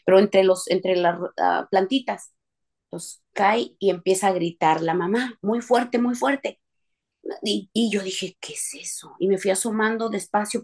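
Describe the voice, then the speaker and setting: A woman telling a lively story to her church group, laughing and trailing off as she goes. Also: mid-range voice, creaky. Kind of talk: casual storytelling testimony.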